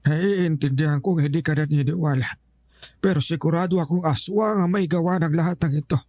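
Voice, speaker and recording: A man's voice: a little high, brisk, darkish tone, no room sound, clean studio sound, lightly acted. An actor playing a stern, protective old grandfather in an audio horror drama, giving urgent warnings. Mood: grave. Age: older.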